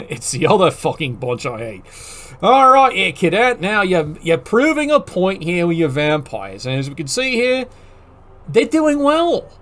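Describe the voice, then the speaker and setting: High-voiced man with sardonic, profane banter. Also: sing-song, unhurried, fairly bright tone. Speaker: league commentator. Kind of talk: casual league roundup commentary.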